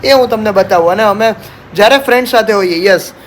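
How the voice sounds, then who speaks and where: A man's voice: high-pitched, quick pace, slight background noise. A young man, chatting casually to camera as a family vlogger, often dropping in "barabar chhe".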